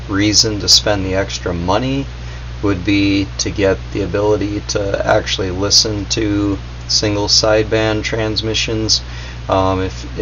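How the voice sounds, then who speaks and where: At a basement workbench, a man gives an unscripted, casual gadget review, hesitant, meandering and noncommittal. His voice is lowish with a fairly bright tone, and the dull audio carries a faint background hum.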